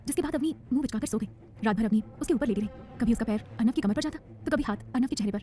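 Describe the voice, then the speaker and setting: A woman narrating a romance audiobook in a rapid, dramatic storytelling style. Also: a little high, mellow.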